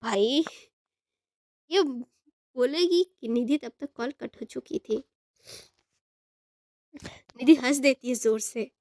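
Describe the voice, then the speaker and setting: High-voiced unhurried woman storyteller. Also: darkish tone, dry recording, clean studio sound. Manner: chatty, halting, retells both sides of the phone call. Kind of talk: storytelling narration.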